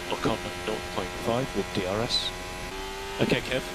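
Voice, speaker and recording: A male race engineer gives measured gap updates and instructions over a team radio link. His voice is fairly low, and the transmission is swamped by heavy hum and vehicle noise. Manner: measured, instructional, reads out gaps and numbers. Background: loud hum and car noise.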